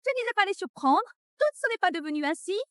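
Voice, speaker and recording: A woman's voice: very high voice, very animated, brisk, no room sound, studio quality. A woman voicing a self-pitying middle-aged mother who blames others in a French melodrama dub. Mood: blaming. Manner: whiny, blaming.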